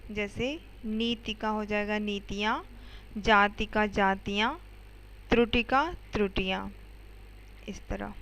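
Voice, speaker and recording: A woman's voice: mid-range voice, steady tone, slow pace, pauses often, a bit bright, a little hiss or hum, poor audio. A woman teacher explaining grammar to schoolchildren step by step, often checking in with "okay" and asking the students questions. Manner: addresses students directly with questions.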